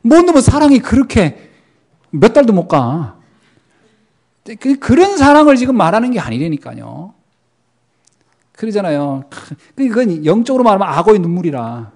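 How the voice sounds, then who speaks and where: Animated Korean preacher with big swings. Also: male voice, high voice, normal speed, pauses often. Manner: dramatic swings between loud emphasis and hushed asides; acts out quoted dialogue in the sermon. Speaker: pastor. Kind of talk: sermon.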